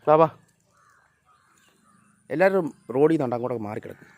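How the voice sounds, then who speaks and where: A man talking casually to his cats and dogs outdoors by a road, coaxing them and sometimes shouting at them to move. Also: medium pitch, animated, quick pace, no echo. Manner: coaxing and scolding the animals, shouting now and then. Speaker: vlogger. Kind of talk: casual chat with his pets.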